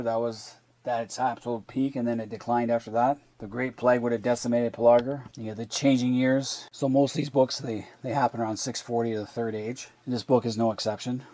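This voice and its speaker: A man's voice: medium pitch, a little mellow, no echo. A man casually reviewing a roleplaying sourcebook and retelling its lore, rambling, with many restarts and asides.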